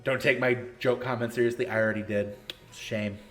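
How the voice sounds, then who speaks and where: A man in his thirties runs a casual live-stream Q&A for a gaming league, answering chat questions bluntly with jokes and sarcasm. His mid-range voice is fairly bright, with fairly even intonation and a fairly quick pace, and faint music plays behind him.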